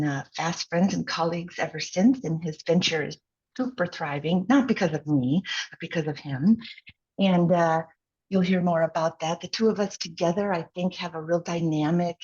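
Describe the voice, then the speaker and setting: A woman with a low, husky voice introduces herself as a course facilitator. She rambles a little and speaks modestly. The sound is dull and lo-fi, like laptop video-call audio. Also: a little mellow.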